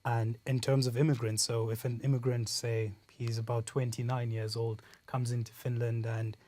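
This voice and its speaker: Even-toned male debate moderator. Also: medium pitch, no room sound. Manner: asks measured, structured questions.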